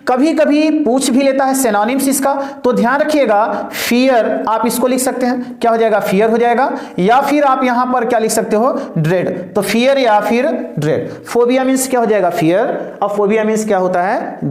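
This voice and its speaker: A man's voice: extremely high pitch, normal speed, hardly any pauses. A man teaching an English vocabulary lesson. He repeats his points, asks questions and answers them himself, calls his listeners "dear", and drills pronunciation call-and-response style. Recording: echoey room.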